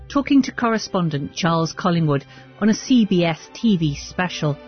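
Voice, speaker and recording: A woman's voice: on the low side, lo-fi sound. A woman presenting a scripted history programme on the radio.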